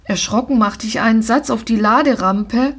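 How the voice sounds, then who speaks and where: A woman narrating a children's story in the first person in a calm, measured way. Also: a little high, breathy edge. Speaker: audiobook reader.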